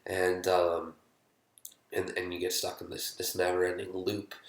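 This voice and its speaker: A man speaking candidly to camera about his own experience, halting, with many fillers and restarts, sometimes dropping to a whisper. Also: low-pitched, monotone, echoey room. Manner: drops to a whisper when quoting his own thoughts. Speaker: vlogger sharing his experience. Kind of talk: candid personal talk to camera.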